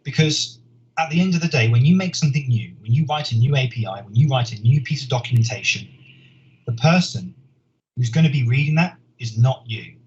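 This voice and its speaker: A man, a software engineer, giving a conference talk in an earnest, explanatory way, often repeating words as he thinks. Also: mid-range voice, lively intonation, a little fast. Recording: dull lo-fi sound with faint noise.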